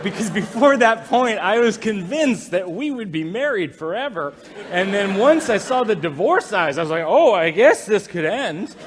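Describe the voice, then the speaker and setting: A man doing stand-up storytelling in a wry, animated, self-deprecating way. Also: high voice, normal speed, big-room sound, background noise. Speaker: stand-up comedian.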